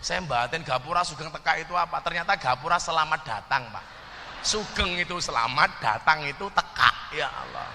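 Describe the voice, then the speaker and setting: A man's voice: a little high, fairly quick, pushed and bright. A man with a Javanese accent preaching a joking sermon to a gathered audience, teasing them about regional dialects and throwing questions at the crowd. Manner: addresses the crowd directly with questions. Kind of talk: humorous religious sermon. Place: religious gathering before an audience. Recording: long hall reverb, faint background noise.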